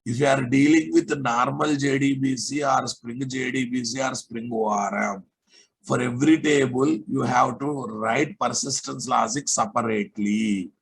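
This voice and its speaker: A man teaching a live online software class, sternly repeating phrases and checking that students follow. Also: mid-range voice, normal speed, gravelly, husky, low-quality recording. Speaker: programming instructor.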